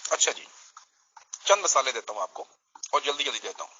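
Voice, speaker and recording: A man's voice: medium pitch, bright, forceful tone, slight background noise, rough recording. A man from Pakistan, explaining his case in a religious debate in a teaching manner and checking in with his listener.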